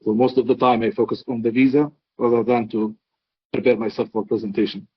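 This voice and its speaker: A man giving a webinar talk over a video call, halting, with many fillers and restarts. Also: medium pitch, level tone, husky. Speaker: webinar speaker. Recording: dull lo-fi video call audio.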